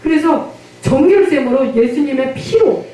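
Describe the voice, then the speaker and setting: A woman pastor delivers an emphatic sermon in a high voice, full of rhetorical questions and calls of amen. She stands well away from the mic, and the room around her rings with heavy echo. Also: expressive, slow pace, dark tone. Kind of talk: sermon with testimony. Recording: very echoey, from a distance.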